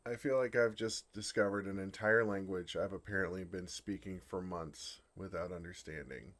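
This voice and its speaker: In an ASMR fantasy roleplay, a man plays a shy, sincere dragon who has fallen in love, his deep, slightly bright voice tender and broken by hesitant, awkward pauses. The mood is one of tender realization.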